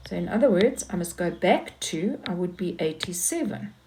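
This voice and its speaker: A woman's voice: lowish voice, lively intonation, moderate pace, a little mellow, slight background noise. A woman teaching maths, talking patiently through each step of a worked example and repeating key points.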